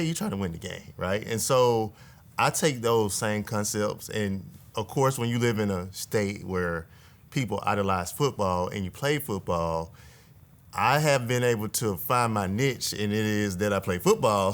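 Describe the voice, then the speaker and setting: Earnest man, lowish voice, conversational. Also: fairly bright tone. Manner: earnest, reflective, tag questions. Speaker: state legislator. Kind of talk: casual conversation.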